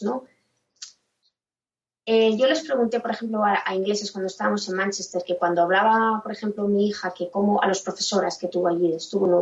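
A woman from Spain, guest on a podcast, talking casually and thinking aloud with restarts. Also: medium pitch. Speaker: podcast guest, parent and author. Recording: roomy, distant, dull remote line.

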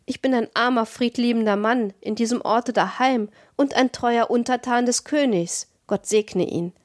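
A woman's voice: on the high side, normal speed, no room sound, clean studio sound, lightly acted. A woman reading a storybook, voicing a confused old man who pleads with a crowd in a raised voice. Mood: timid. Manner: pleading, distraught. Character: bewildered old man just back from the mountains.

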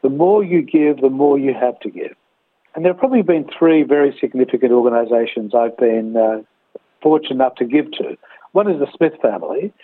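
An Australian man in his sixties, heard over a tinny phone line, gives reflective answers as an interview guest. His slightly high voice has no echo, and he tells stories in a measured way, often pausing with "uh."

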